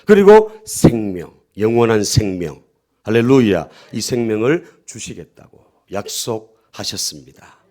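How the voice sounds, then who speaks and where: A middle-aged male pastor, preaching a sermon and having the congregation repeat his words, swinging from soft low asides to loud, emphatic peaks. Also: sing-song, a little slow. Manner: call-and-response preaching, prompting the congregation to repeat.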